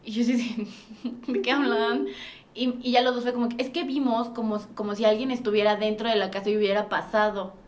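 Expressive Mexican woman, podcast host. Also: mid-range voice, quick pace, hardly any pauses. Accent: Mexican Spanish. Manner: expressive, slangy, acts out dialogue. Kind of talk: casual podcast chat.

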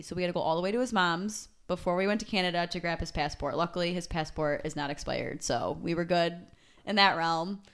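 A woman's voice: on the low side, clear, resonant tone. Young woman podcast cohost, chatty storyteller, says like a lot, acts out the quotes. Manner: animated storytelling with many "like"s and acted-out quotes. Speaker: podcast co-host. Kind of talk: casual chat.

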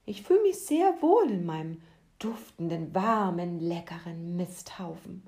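A woman voicing a grumpy, stubborn little male worm in a slowly read storybook. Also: lowish voice, animated. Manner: grumbling, then yelling for help. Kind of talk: storybook narration.

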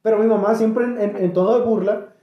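A man's voice: high-pitched, fairly quick, echoey room, lo-fi sound. A man with a Mexican accent, chatting as a podcast co-host and telling an anecdote with lots of laughter. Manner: animated anecdote-teller who laughs between lines. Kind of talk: casual chat, storytelling.

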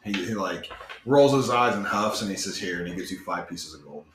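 A man's voice: lowish voice, lively intonation, brisk, fairly bright tone. A man narrating as game master for a tabletop game in a loose, rambling way with lots of fillers. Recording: echoey room with faint noise.

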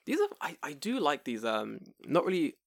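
Man, casual co-host, excitable and profane, close dry mic. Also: on the high side, normal speed, vocal fry, no echo. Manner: excitable, swears a lot, loud outbursts. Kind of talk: casual chat.

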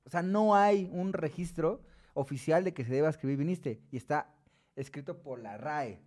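A man's voice: a little high, normal speed, darkish tone. Joking Mexican young man, slangy banter. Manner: joking, slangy, often laughing. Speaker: podcast co-host. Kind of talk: casual chat.

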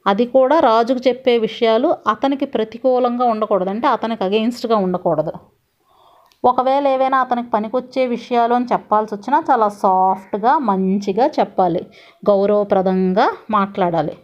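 A woman's voice: on the high side, moderate pace, lightly acted. A woman voicing an arrogant male demon king who scolds and threatens in a storytelling reading. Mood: scolding. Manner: domineering, scolding. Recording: dull lo-fi recording.

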